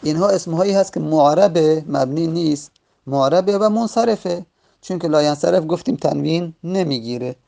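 Gravelly man teaching patiently. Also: on the high side, mellow. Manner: patient, repeats word forms several times; uneven pace, stretches some words and rushes others. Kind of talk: Arabic grammar lesson.

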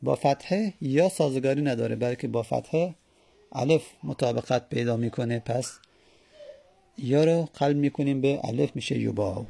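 A man giving a lecture on grammar, asking questions and answering them himself, and stretching out each word form slowly syllable by syllable. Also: mid-range voice, gravelly, mellow, husky. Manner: drawn-out syllable-by-syllable spelling of word forms. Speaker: Arabic grammar teacher. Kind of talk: classroom lecture on Arabic morphology.

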